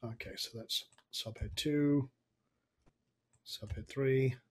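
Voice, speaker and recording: A man with a raspy, somewhat tired voice, coaching informally and thinking aloud through a screen-share tutorial. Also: medium pitch, steady tone, slow pace. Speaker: online marketing coach.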